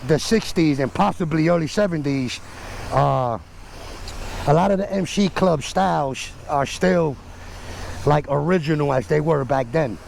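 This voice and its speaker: A man's voice: on the high side, unhurried, gravelly, a little mellow, a little hiss or hum. A man giving casual, easygoing motovlog commentary, speaking from inside a helmet. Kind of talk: casual vlog commentary while out riding. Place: outdoors on city streets, motorcycle.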